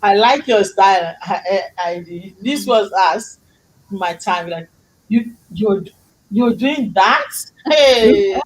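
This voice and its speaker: A middle-aged woman who speaks English as a second language hosts a casual talk show, speaking effusively in a faith-filled, preachy way. Her medium-pitched voice is expressive and slow-paced, captured in a low-quality recording.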